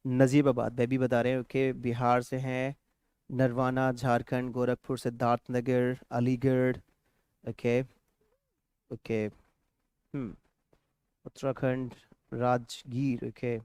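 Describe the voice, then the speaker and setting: A man's voice: medium pitch, completely flat delivery, slow pace, pauses often, darkish tone, clean tone, no room sound, studio quality. A man with an Indian accent teaching a live spoken English lesson, switching between Hindi and English, repeating example phrases and reading out viewers' comments.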